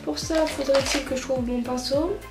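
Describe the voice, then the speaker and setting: A woman narrating a makeup tutorial as a vlogger, chatty and relaxed with lots of filler words. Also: sits high, moderate pace. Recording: roomy echoey room, faint music.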